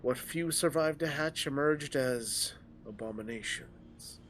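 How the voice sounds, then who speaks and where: A man's voice: a little high, unhurried, fairly bright tone, slight background noise. A man reading a weary ancient dragon. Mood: solemn. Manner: archaic solemn delivery with stumbles from reading on the fly. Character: weary ancient male dragon, grave and mournful.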